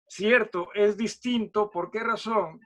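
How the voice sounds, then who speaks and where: A pastor from Peru, speaking with a Peruvian Spanish accent, leads a loose, conversational Bible study in a fairly high, fairly bright voice at a slow pace. He's chatty and jokes around, tacking "¿no?" or "¿sí?" onto nearly every phrase to check in with listeners.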